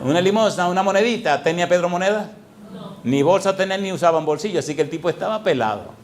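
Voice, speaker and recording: A man's voice: high voice, expressive, fast talker. A middle-aged man preaching a sermon as a pastor, asking the congregation question after question and playing with sound words.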